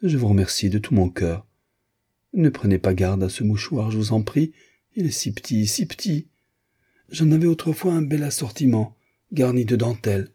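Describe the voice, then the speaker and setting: Guy doing a meek teary giant lady from a storybook, high and pleading, kinda husky. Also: lively intonation, moderate pace, mellow. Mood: tearful, tender. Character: simple, tearful giant older woman.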